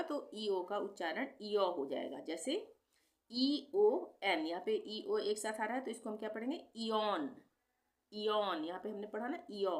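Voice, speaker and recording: Patient woman teaching spelling rules. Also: medium pitch. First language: Hindi. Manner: patient, repeats each example word slowly. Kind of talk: explaining English spelling rules.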